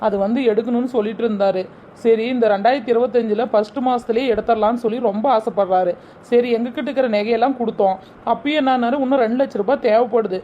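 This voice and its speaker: A woman's voice: a little high, fast, muffled recording, a little hiss or hum, lightly acted. A woman playing a clever young daughter-in-law who is sweet to the family and sarcastic in asides. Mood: explaining.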